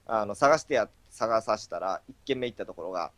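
A man's voice: fairly low pitch, lively intonation, a little fast, a bit bright. Chatty man. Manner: chatty storyteller who acts out quotes. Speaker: stream co-host. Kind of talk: casual stream chat.

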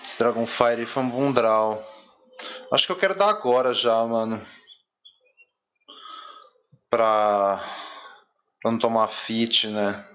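A young man from Brazil talks his way through a card game in loose, slangy commentary. He mostly mutters to himself at an ordinary pitch, now and then breaking into excited outbursts. The stream audio is a little dull, with a faint hiss behind it. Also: slow pace, pauses often. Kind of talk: casual gameplay commentary.

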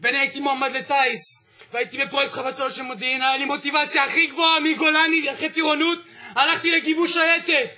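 Young man, veteran, public hearing testimony, impassioned, shouting, distraught. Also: very high voice, little pitch movement, crowd noise. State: emotionally distraught. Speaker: wounded army veteran testifying.

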